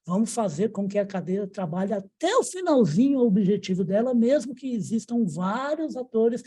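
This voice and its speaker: A man's voice: sits high, very animated, normal speed, warm tone, slightly rough. A man hosting an interview show, talking emphatically in a folksy way with football idioms. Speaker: podcast host.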